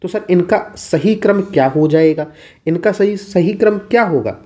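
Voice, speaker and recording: Male tutor, warm low tone, patient exam-prep explainer who talks to himself in questions. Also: expressive, moderate pace. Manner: asks and answers his own questions. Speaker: teacher. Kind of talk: exam-prep Hindi lesson.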